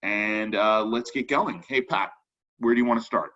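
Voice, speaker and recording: A man's voice: fairly low pitch, normal speed, a bit bright. A young man co-hosting an online meeting show, chatting casually with many fillers and restarts over a video call. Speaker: co-host of a web forum show. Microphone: computer mic on a video call. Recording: slightly dull video-call audio.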